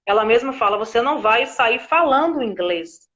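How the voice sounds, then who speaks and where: Brazilian woman, chatty interviewer, slightly high voice, talkative with restarts, muffled live-stream sound. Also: expressive, normal speed, fairly bright tone. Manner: chatty, with tag questions and restarts. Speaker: interviewer, beginner English learner. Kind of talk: casual chat in a live interview.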